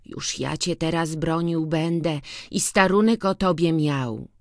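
A narrator voicing a young farm boy who speaks in high, eager exclamations, in an audiobook. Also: unhurried, no echo, studio quality, natural voice. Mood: tender. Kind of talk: audiobook reading.

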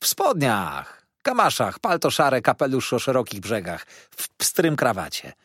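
A man's voice: medium pitch, huge pitch swings, unhurried, a bit bright, breathy edge, no echo, studio quality, heavily acted. A man voicing a chatty, boastful young inn waiter in an audiobook, jovial and teasing. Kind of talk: audiobook character voice.

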